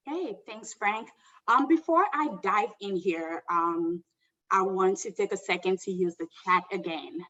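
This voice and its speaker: A woman's voice: mid-range voice, a little slow, sharp tone. A woman, a scrum master, giving a chatty, conversational webinar presentation. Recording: dull lo-fi audio, distant from the mic.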